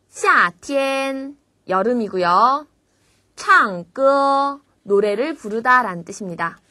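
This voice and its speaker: Bright-voiced woman teaching beginner Chinese. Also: on the high side, no room sound. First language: Korean. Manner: patient, models Chinese words slowly then explains. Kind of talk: beginner language lesson.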